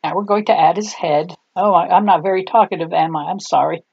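An older woman whose first language is German rambles in a homey way while demonstrating a clay craft at her home craft table indoors, tired at the end of the day. Her lowish voice is brisk, with vocal fry and a breathy edge. The audio is dull with no room sound.

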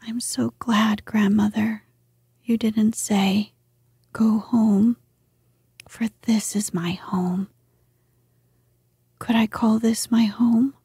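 A woman voicing an eager, affectionate young princess in a soft whisper, reading a storybook. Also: a little high, fairly even intonation, extremely slow, long pauses, slightly rough, no room sound, studio quality, heavily acted.

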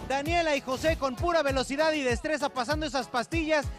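High-pitched Mexican ringmaster-style male game show host. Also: fast. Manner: booming ringmaster-style announcing. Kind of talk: ringmaster-like show presenting to contestants and audience. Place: large indoor TV competition studio with pool. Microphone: handheld microphone. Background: music.

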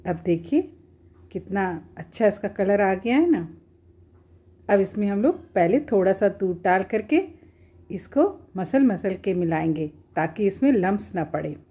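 A woman's voice: medium pitch, lively intonation, measured pace, mellow, slightly rough. A woman at home, talking viewers through a cooking recipe step by step in a plain, homely, instructive way. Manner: homely, instructive, often says "dekhiye".

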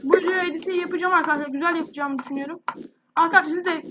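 An extremely high-pitched woman with a sore, irritated throat talks rapid-fire in a steady tone over heavy background noise. She's a gaming YouTuber giving casual gameplay commentary, chatty and speaking straight to her viewers.

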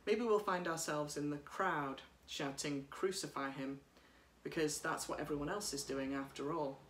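A woman's voice: sits low, moderate pace, slight background noise. Woman preaching in an echoey living room. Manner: gentle, reflective delivery, reading from notes. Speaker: priest. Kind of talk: sermon. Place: living room by a bright window. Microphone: camera across the room.

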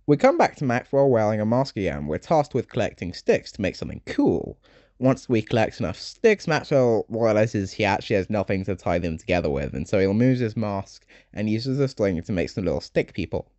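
Lively, low-voiced teen video essayist. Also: male voice, brisk, no room sound. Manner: chatty, joking asides, dark humor. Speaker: YouTuber summarizing a game.

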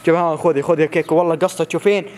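Brief: man, excited family-vlog commentary, very quick, noisy home recording. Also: a little high. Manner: rapid, playful, teasing narration with many calls and repeats. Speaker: family vlogger filming his child.

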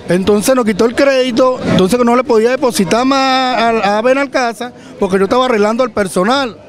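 A man's voice: very high voice, fairly quick, some chatter behind. A man in his thirties with a Venezuelan accent, urgently complaining in a street interview into a handheld mic in a city plaza. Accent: Venezuelan Spanish. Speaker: cooperative member. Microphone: handheld reporter mic.

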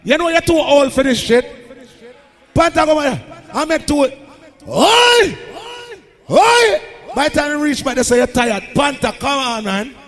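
A man hyping a sound clash as selector and MC, shouting and chanting in patois in a dance hall. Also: very high-pitched, fairly quick, some chatter behind. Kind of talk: hype MC talk over a live dance. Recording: long hall reverb with loud music. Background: reggae music.

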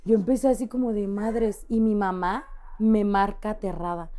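A woman's voice: medium pitch, normal speed. A young woman with a Mexican accent, telling personal stories as a podcast guest and acting out the voices of people she quotes. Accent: Mexican Spanish. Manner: lively storyteller who acts out quoted voices. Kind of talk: casual storytelling interview.

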